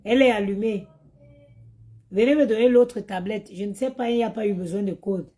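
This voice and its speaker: A woman's voice: medium pitch, brisk, dark tone, slightly rough. Tired chatty woman on a phone live stream. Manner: chatty, talks straight to her viewers. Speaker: mother doing a live stream. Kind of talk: casual live-stream chat.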